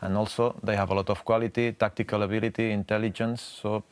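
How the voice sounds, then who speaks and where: Low-voiced man in his thirties analysing football. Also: little pitch movement, fast, crowd noise. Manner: thoughtful, hesitant, many "you know" fillers. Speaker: football pundit. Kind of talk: post-match analysis. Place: TV studio.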